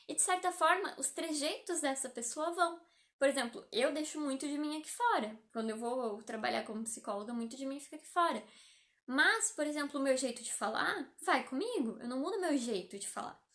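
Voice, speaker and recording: High, expressive and brisk, with a slightly bright quality, this is a young Brazilian woman who works as a psychologist. On a live stream she talks casually and explains things, speaking Brazilian-accented Portuguese full of fillers.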